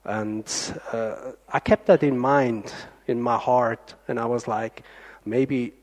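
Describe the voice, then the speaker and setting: A man, a local councillor, answering on a panel in a relaxed, chatty way and quoting his own thoughts. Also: mid-range voice, slow. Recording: echoey hall.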